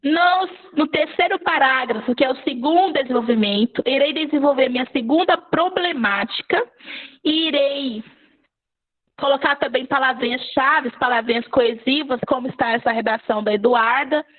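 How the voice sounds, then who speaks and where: A woman's voice: sits high, moderate pace. A Brazilian woman teacher giving a live online writing class, patient and repeating key points. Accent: Brazilian Portuguese. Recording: phone-like narrow audio.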